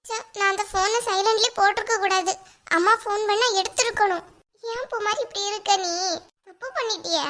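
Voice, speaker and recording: A woman's voice: extremely high pitch, brisk, a crowd in the background. A woman voicing a tearful young cartoon wife. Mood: guilt-ridden. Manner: tearful, pleading. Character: young wife, weepy and guilt-stricken. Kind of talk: cartoon voice acting.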